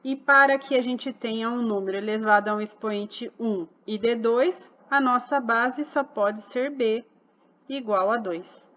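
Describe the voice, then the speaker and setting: Slow, patient woman teaching math. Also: fairly high pitch, fairly bright tone, dull audio. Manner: patient, asks rhetorical questions to the class. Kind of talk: explaining a math exercise.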